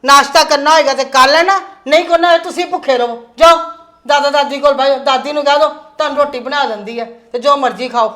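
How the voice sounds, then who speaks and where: Sex: woman. Figure: harsh mother scorning her in-laws. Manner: scolding, sharp-tongued. Pitch: high. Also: fast. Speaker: mother and daughter-in-law. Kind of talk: family drama acting.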